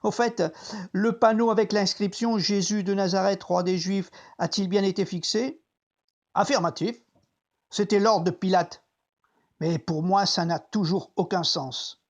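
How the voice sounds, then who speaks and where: An actor playing a troubled, conscience-stricken Roman centurion, reflecting deliberately in a dramatic biblical monologue as if talking to himself. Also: mid-range voice, fairly even intonation, lightly acted. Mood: solemn recounting. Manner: introspective, deliberate, theatrical.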